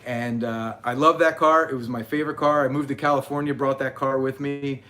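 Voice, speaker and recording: A man's voice: medium pitch, fairly even intonation, fairly quick, sharp tone. A man in his forties hosting a casual livestream, chatting and reading viewer comments aloud. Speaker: channel host.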